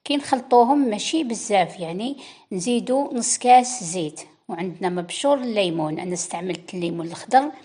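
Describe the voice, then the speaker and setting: A woman's voice: mid-range voice, darkish tone, slightly rough. A woman with an Algerian Arabic accent, giving a chatty step-by-step baking tutorial and talking straight to her viewers. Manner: instructive, chatty, addressing viewers directly. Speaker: cooking channel host. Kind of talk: cooking tutorial voice-over.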